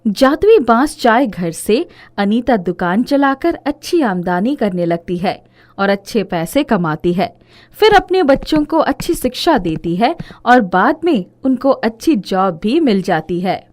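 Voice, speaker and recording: Slow, expressive woman storyteller. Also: on the high side. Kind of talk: scripted narration of an animated moral story.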